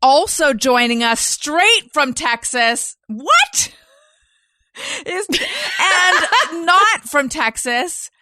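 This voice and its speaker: A woman's voice: high-pitched, big pitch swings, very slow, pushed and bright, no room sound, clean studio sound. A woman hosting a casual chat, playful and teasing, laughing often. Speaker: podcast host.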